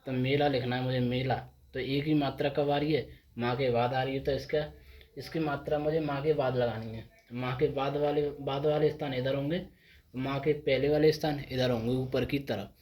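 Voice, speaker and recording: A man teaching a shorthand class, explaining each step slowly and answering his own questions as he writes. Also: medium pitch, fairly even intonation, darkish tone. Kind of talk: board lesson explaining step by step.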